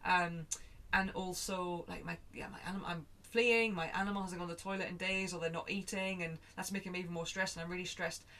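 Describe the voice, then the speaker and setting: Earnest woman, lowish voice. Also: steady tone, brisk, pushed and bright. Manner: earnest, thinks aloud with many restarts; acts out her own thoughts in quoted asides. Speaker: guest speaker. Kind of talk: reflective conversational talk.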